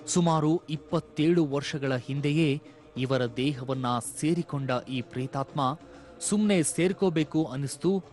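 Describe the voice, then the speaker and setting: A man giving measured, formal scripted narration as a studio voice-over for a television program. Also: a little high, darkish tone. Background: faint music.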